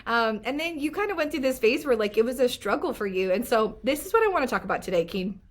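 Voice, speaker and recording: A woman's voice: on the high side, animated, quick pace. A woman hosting a faith podcast, chatty, upbeat and teasing with her guest. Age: adult, former children's ministry leader. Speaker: podcast host. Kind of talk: casual podcast chat.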